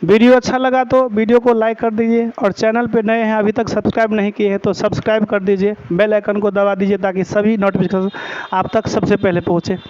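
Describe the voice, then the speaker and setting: A man's voice: high voice, little pitch movement, a little fast, a little mellow, highs cut off, slight background noise. A man teaching a grammar lesson, explaining step by step, repeating terms and checking that students follow.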